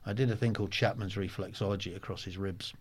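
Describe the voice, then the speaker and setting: A man in his sixties telling stories in a casual interview, halting with many ums and restarts. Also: on the low side, fairly even intonation. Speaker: guest, former soldier.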